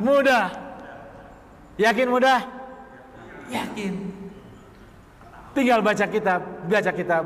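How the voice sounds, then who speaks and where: A male Islamic teacher giving a classroom lecture in a mosque hall, drilling the class with quick questions and answers and chuckling between points. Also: high-pitched.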